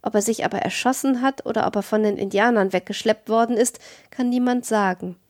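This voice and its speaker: A woman's voice: fairly high pitch, fairly quick, a little mellow, natural voice. A woman reading a storybook, voicing a young woman who wistfully tells of her vanished father.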